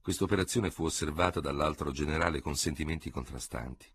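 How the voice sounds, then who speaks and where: A man's voice: very deep voice, fast, husky, no room sound. A man reading a novel aloud as a radio audiobook narrator, composed and dramatic.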